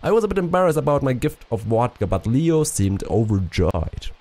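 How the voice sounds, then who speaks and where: A man's voice: mid-range voice, big pitch swings, moderate pace, warm tone. A man reading a male traveler's diary aloud in an attempted French accent, stumbling over some words. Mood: earnest. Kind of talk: reading in-game text aloud.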